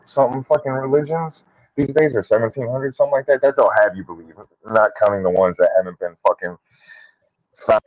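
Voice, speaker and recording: A man's voice: medium pitch, a little fast, dry recording, lo-fi sound. A man rambling and swearing in a casual group call, his audio choppy and cutting out with clipped word endings. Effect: choppy cutting-out call audio, words clipped off. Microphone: remote online call.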